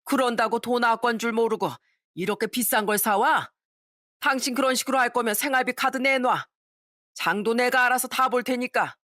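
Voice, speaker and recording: A woman's voice: a little high, moderate pace, no room sound, clean studio sound, voice pushed up, natural voice. A woman voicing a bad-tempered father-in-law in his sixties who berates his wife. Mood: angry scolding. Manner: scolding, berating, shouting.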